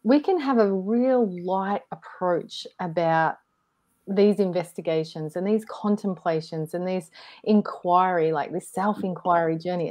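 A woman co-hosting a casual online discussion, reflective and gently encouraging, often restarting her sentences. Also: on the low side. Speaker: co-host. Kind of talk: casual group discussion on a video call.

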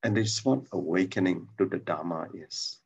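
Low gravelly guy, husky, slow halting dharma talk on a video call, lots of ums. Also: highs cut off. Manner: hesitant, many fillers and restarts. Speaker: dharma sharer.

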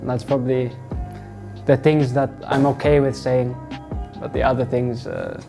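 Seated for an interview indoors, with a wall of football boots behind him, a young Australian football player gives loose, hesitant answers full of fillers. Music runs beneath the recording, and his medium-pitched voice carries a touch of vocal fry.

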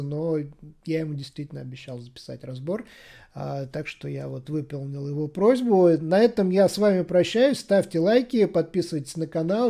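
A man's voice: a little high, mellow. A man patiently explaining a harmonica tune step by step in a casual tutorial. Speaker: harmonica teacher.

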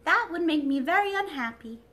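A tiny porcelain princess, played by a woman reading a storybook aloud, speaks in a high, fragile little voice. She is prim and easily frightened, as if she might break. Her tone is delicate and proper. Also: lively intonation, a little fast, bright, forceful tone, exaggerated voice. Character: timid dainty china doll princess.

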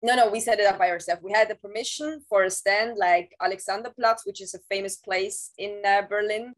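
Woman, 30s, interview guest, halting speech with restarts, video call audio, home room. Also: mid-range voice, rough recording. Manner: halting, with frequent restarts and "um" fillers. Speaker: interview guest, former Scientology staff member. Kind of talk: casual recounting of past experiences. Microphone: video call, laptop camera mic.

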